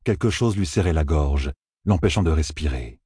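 Husky, lively male audiobook narrator. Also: a bass voice, moderate pace, no echo, clean studio sound. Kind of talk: scripted fantasy narration.

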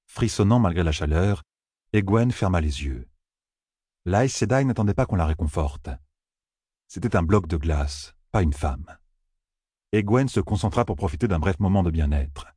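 Deep, husky male audiobook narrator. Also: lively intonation, moderate pace, long pauses, warm tone, dry recording, clean studio sound. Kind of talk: scripted fantasy narration.

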